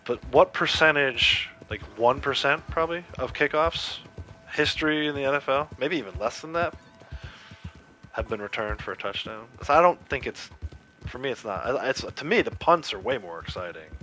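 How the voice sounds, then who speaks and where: A man's voice: medium pitch, expressive, moderate pace, bright, forceful tone, soft background music. A man streaming a game, chatting casually and opinionated, rambling with lots of fillers. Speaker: gaming streamer. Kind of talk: casual livestream chat while playing.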